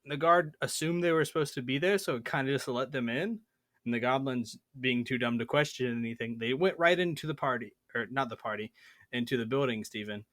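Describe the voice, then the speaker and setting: A man's voice: mid-range voice, fairly quick, a bit bright, dry recording, clean studio sound. A man hosting a tabletop gaming podcast, telling a story in a playful, boastful way. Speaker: podcast host. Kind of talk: casual chat.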